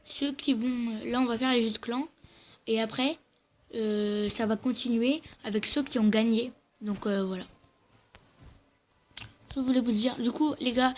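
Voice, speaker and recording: A gaming video host with a mid-range voice and a little hiss or hum gives casual gameplay commentary. They're hesitant and halting and correct themselves often, while their braces give the speech a slightly slurred, odd quality.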